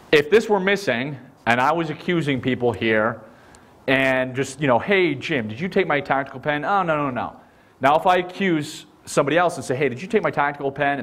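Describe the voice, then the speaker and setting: Middle-aged male instructor, conversational, acts out quotes, mid pitch. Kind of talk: spoken teaching with personal stories.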